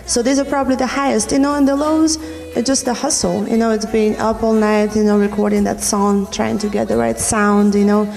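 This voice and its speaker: Flat, mellow-voiced woman musician. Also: a little high, fairly quick, gravelly, big-room sound, soft background music. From Norway. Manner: relaxed, many "you know" fillers. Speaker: guest recording artist. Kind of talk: interview answers.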